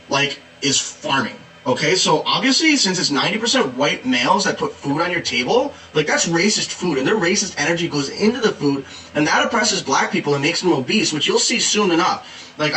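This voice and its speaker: A man voicing a preachy, exasperated activist in valley-speak, dropping "like" into every phrase. The voice is fairly high and bright, bouncing up and down in pitch. It sounds roomy and a little distant from the mic. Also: a little hiss or hum. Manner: valley-speak with constant "like" and "duh", sarcastic. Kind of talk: satirical character monologue.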